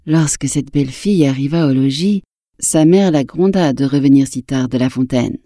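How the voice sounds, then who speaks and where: Low-voiced woman reading a fairy tale. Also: moderate pace, dark tone, no room sound, clean studio sound. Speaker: narrator.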